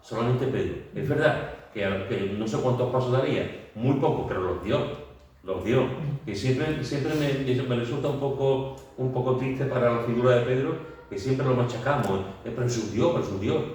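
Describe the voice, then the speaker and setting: In a church meeting room, a man with a medium-pitched voice runs a Bible study at a moderate pace. His storytelling is vivid, with shouts, sound words, acted-out scenes, and plenty of fillers and restarts, captured by a distant mic in a very echoey room.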